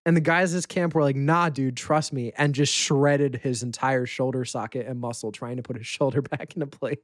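A man's voice: medium pitch, fairly even intonation, a little fast, no room sound, studio quality. A man co-hosting a casual podcast chat, rambling loosely, laughing often and swearing offhand. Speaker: podcast co-host. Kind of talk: casual chat about fighting.

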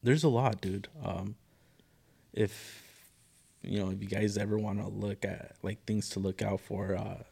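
A man's voice: lowish voice, fairly even intonation, unhurried, creaky, mellow, breathy edge. A young man who works with clients in mental health, chatting casually as a podcast guest, cursing freely and saying "dude" and "bro" all the time. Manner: slangy and profane, says "dude" and "bro" constantly. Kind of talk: casual chat.

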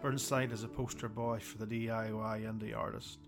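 A man reading a scripted music profile in an even, measured way. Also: on the low side. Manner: gravelly, flat, even delivery. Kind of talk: scripted narration. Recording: voice over guitar music.

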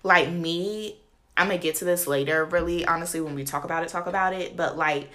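A woman with a low, bright, sharp voice. She rambles loosely through a casual chat, packing her talk with fillers and drifting off her point. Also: a little fast. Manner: rambling, many "like" fillers, loses her thread.

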